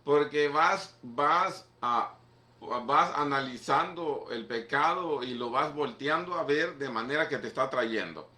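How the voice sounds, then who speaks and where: Pastor hispano predicando en sala con eco. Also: male voice, mid-range voice, expressive, unhurried, bright, forceful tone, roomy sound. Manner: conversational, emphatic preaching with repeated "mira" and "¿ok?". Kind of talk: sermon.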